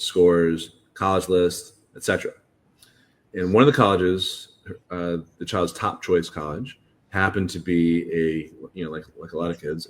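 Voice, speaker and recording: A man hosting a podcast on college admissions, explaining in a halting, informal way with many restarts. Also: low-pitched. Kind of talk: casual podcast talk.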